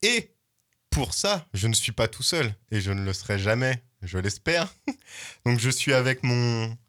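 A man's voice: medium pitch, sing-song, measured pace, a bit bright. A young man hosting a casual comics chat show, rambling and joking at his own expense. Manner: jokey, self-mocking, rambling. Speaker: podcast host.

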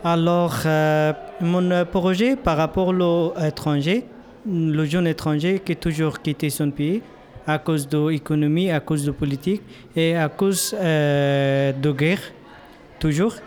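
Halting man. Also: fairly high pitch, fairly even intonation, darkish tone. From Afghanistan. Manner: halting, repeating words. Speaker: interviewee, former dental student. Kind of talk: interview answers in learner French.

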